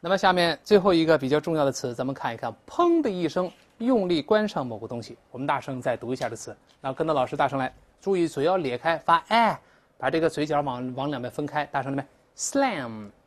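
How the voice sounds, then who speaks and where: A woman English teacher explains words in Mandarin in a classroom lesson style. Her pitch swings widely as she drills pronunciation, repeating words loudly for students to copy. She moves between brisk explanation and slow, careful example sentences. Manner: animated, drills pronunciation aloud with repetition.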